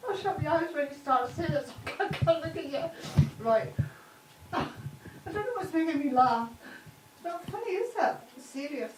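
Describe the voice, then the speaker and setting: A giggly woman with a high voice keeps fighting back laughter. She sounds distant and roomy, recorded from across an echoey room. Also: lively intonation, moderate pace, a little hiss or hum. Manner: giggly, struggling to keep a straight face.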